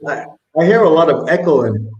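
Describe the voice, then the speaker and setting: A man chatting casually as a livestream guest, his loud call audio echoing in a room. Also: fairly high pitch, sing-song, moderate pace, dull audio. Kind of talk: casual chat.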